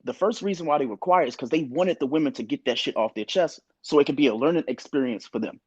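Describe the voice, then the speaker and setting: A young adult man co-hosting a podcast, talking in an animated, opinionated way and sometimes quoting others. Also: a little high, fast, breathy edge, dry recording, lo-fi sound. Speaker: podcast co-host. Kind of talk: casual podcast discussion.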